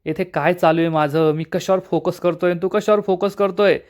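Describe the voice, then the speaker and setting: A man's voice: high voice, fairly even intonation, brisk, a little mellow, natural voice. A man reading out a hot-headed young groom from a soap recap, fed up and complaining in a slightly raised voice. It is told as part of a spoken episode retelling, and the groom sounds only lightly set apart from the narrator. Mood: irritated.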